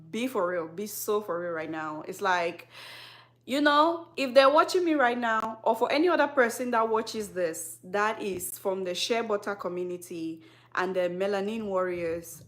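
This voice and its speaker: A woman from Cameroon with a Cameroonian accent, talking casually to camera as a skincare vlogger, sassy and teasing, firing off rhetorical questions and laughing often, recorded on a phone on a tripod. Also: fairly high pitch. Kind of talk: casual direct-to-camera talk.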